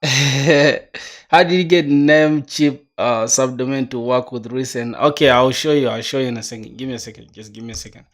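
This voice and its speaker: A man's voice: mid-range voice, normal speed. A man in his twenties chatting casually on a coding livestream, laid-back and slangy, reading viewer comments aloud. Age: 20s. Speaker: streamer.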